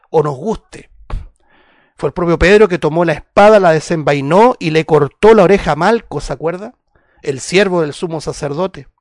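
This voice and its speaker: A man preaching a sermon, reading scripture aloud and calling his listeners brothers, earnest, rising loud for emphasis and dropping quiet for asides. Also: high-pitched, dry recording, clean studio sound.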